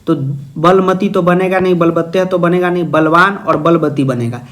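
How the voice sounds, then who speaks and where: A young male tutor works through a Sanskrit exam paper. His voice sits notably high, and his manner is playful and teasing. He keeps asking questions and then answering them as if he were a student. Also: fairly even intonation, normal speed, a bit bright. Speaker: Sanskrit teacher. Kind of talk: exam-prep video lesson.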